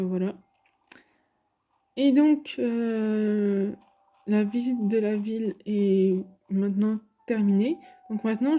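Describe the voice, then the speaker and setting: Woman chatting over her game footage, warm soft voice, lots of ums. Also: mid-range voice. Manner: chatty, hesitant, many fillers. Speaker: gaming YouTuber. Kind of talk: casual game commentary.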